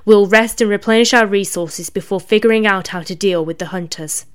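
A woman voicing a ruthless female rabbit demon commander who speaks coldly and drops into low, menacing whispers. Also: fairly quick, smooth, lightly acted. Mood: commanding. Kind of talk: storybook reading.

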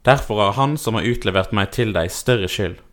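A man voicing a calm, solemn prophet in a dramatic scripture reading, speaking steadily and firmly. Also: lowish voice, pitched below the performer's own voice, lightly acted. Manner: steady, grave and firm.

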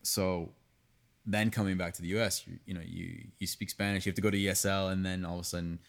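A man in his thirties with a somewhat low voice chats openly as a podcast guest. He talks about his work with lively, unfiltered energy, dropping swear words and restarting phrases as he goes. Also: quick pace, gravelly. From United States, raised partly in Venezuela. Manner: candid and animated, swears freely, frequent restarts. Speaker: pastry chef guest. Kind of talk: casual podcast conversation.

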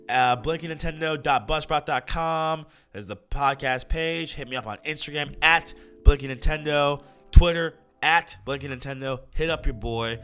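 Sick american podcast guy, froggy stuffed-up voice but bright n punchy, casual sweary gaming rant. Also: mid-range voice. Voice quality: froggy, congested Kermit-like voice. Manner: informal, profane, opinionated. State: sick with a cold. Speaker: podcast host. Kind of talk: casual solo podcast commentary on video games.

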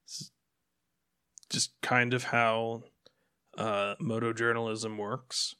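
Guy cohosting a moto podcast, casual chat, gets animated and does little voices for quotes. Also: medium pitch, slow, clean tone. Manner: animated, acts out quotes, restarts often. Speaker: podcast co-host.

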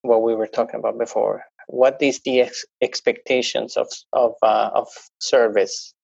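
A non-native English-speaking man appears as a podcast guest, talking conversationally with plenty of restarts and fillers. His medium-pitched voice is level, creaky, husky, and darkish, delivered at normal speed with no echo. The recording sounds dull, dry, and lo-fi.

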